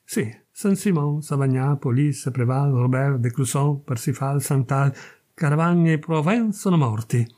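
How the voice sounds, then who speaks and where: A man's voice: medium pitch, a little slow, darkish tone, lightly acted. A man reading aloud voices a young army captain who is ashamed and evasive and stammers in embarrassment. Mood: somber. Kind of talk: audiobook reading of a classic tale.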